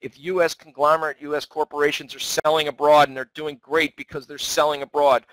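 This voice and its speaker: A man's voice: fairly high pitch, flat delivery, brisk, a bit bright, no echo, rough recording. A man giving a weekly stock market outlook in a conversational, self-correcting way. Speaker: market analyst. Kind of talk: market commentary.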